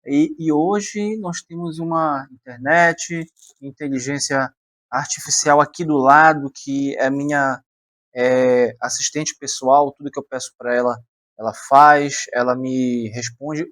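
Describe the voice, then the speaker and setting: A man's voice: mid-range voice, fairly even intonation, a little slow, fairly bright tone, no echo. A man hosting a podcast, chatting casually, asking questions and joking with his guest. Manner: chatty, asks questions, jokes. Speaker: podcast host.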